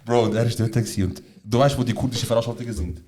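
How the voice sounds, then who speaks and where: A man's voice: mid-range voice, racing, warm tone. A young man co-hosting a casual podcast, retelling a story with lots of slang, swearing and quoted dialogue. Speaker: podcast co-host.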